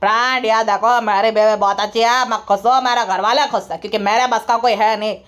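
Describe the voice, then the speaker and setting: Lady putting on a smug lazy guy living off his wife, voice dropped lower. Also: steady tone, fairly quick, a bit bright, close to an everyday voice. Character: lazy freeloading husband, adult man, smug.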